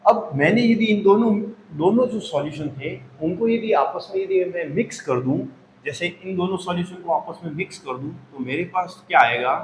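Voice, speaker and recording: A man teaching a chemistry lesson, talking through each step aloud and repeating himself as he explains. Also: on the high side. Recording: echoey room with faint noise.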